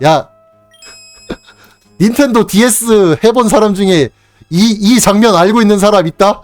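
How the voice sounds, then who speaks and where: A man's voice: high voice, measured pace, dry recording, soft background music. A young man in his twenties, casually chatting on a live stream, teasing his viewers with playful mock outrage and frequent laughter.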